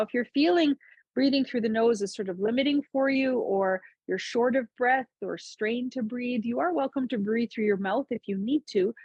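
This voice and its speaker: A gentle woman leads a chair yoga session, with a slightly high and soft, breathy voice. She guides the breath and movement in calm, unhurried cues. The recording is dry and a bit dull. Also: dry recording. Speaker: yoga instructor.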